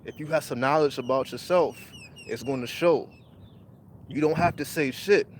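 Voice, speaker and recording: A man's voice: fairly high pitch, moderate pace, a little hiss or hum. A man telling a rambling, profane street story in a casual livestream monologue. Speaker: livestream host.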